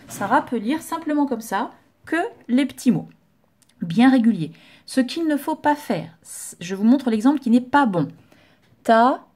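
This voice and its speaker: This woman's voice is fairly high and warm. As a music teacher, she gives a patient solfège lesson, going step by step and chanting note names and rhythm syllables.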